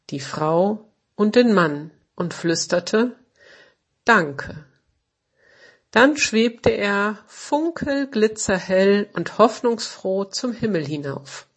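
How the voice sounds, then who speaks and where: A woman narrating a children's story in a gentle, measured storybook reading. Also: medium pitch, breathy edge.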